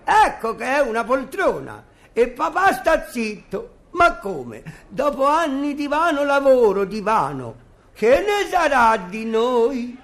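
Renatino, a cheeky squeaky boy. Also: very animated, slow pace, fairly bright tone, full character voice. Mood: mock-tragic. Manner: drawling, whiny, mock-melodramatic. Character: cheeky mischievous little boy, whiny and wisecracking. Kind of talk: vintage radio comedy sketch.

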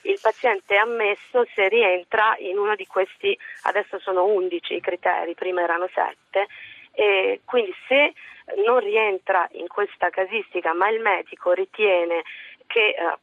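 A woman with a hoarse, husky voice roughened by a cold speaks in an interview over a narrow telephone line. Her delivery is creaky and measured, explaining technical matters carefully. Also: mid-range voice, no echo. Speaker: health journalist, phone guest. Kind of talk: radio interview answers. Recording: tinny narrowband phone line.

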